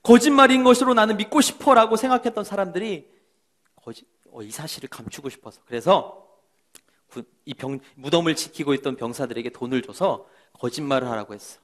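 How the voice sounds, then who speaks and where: A man serving as children's pastor, telling a Bible story to children in an animated way and asking them questions. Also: medium pitch, fairly quick. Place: church.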